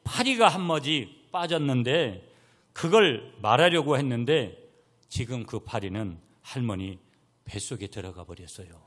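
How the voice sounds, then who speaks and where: A little granddaughter, pleading and insistent, in a bright voice, played by a man during a sermon. Her pitch jumps about widely. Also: expressive, a little slow.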